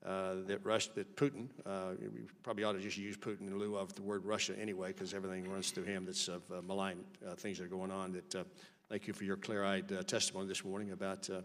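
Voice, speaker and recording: A congressman with a West Texas twang questions witnesses at a formal hearing in a halting, folksy way. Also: sits low, flat delivery. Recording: reverberant hearing hall.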